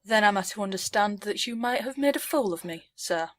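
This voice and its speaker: A woman's voice: fairly high pitch, unhurried, fairly bright tone, no room sound, studio quality. A woman voicing a prim female envoy in a tabletop game, speaking with formal, haughty courtesy. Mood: indignant.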